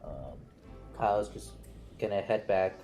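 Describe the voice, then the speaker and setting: A man's voice: lowish voice, lively intonation, a little slow, dark tone, soft background music. A man who plays in a tabletop role-playing game and chats casually, stammering and repeating words. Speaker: player. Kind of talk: casual actual-play chat.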